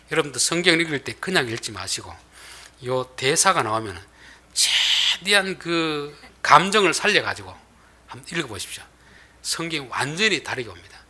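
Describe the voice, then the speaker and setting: A male pastor delivers a sermon with a husky, slightly raspy edge. His pitch leaps and falls in lively swings, and his tone is bright and forceful. He shifts between loud emphatic bursts and soft, almost whispered asides.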